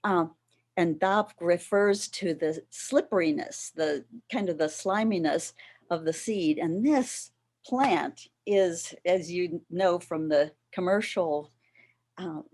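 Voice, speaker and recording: A middle-aged woman giving an explanatory workshop talk on a video call, unhurried and warm with occasional soft laughs. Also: lowish voice. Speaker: workshop presenter. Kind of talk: educational talk on plant foods.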